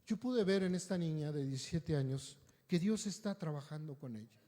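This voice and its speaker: A man's voice: on the high side, expressive, normal speed, dark tone. A male pastor, preaching in a conversational, story-telling way and often checking in with his listeners. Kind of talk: storytelling sermon. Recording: long hall reverb.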